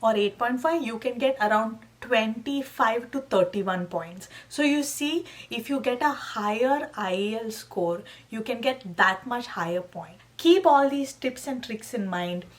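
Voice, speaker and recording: A woman's voice: fairly high pitch, a little slow, hardly any pauses. A young woman hosting a casual tutorial, talking animatedly and emphatically to her viewers, often calling them guys and checking in with okay. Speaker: channel host giving exam tips. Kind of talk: casual tutorial talk to camera.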